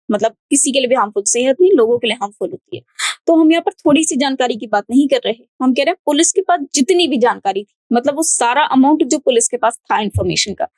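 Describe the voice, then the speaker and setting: A woman's voice: sits high, darkish tone, no echo, rough recording. A woman with an Indian accent, an English teacher giving an exam-prep grammar lesson and patiently repeating her key points.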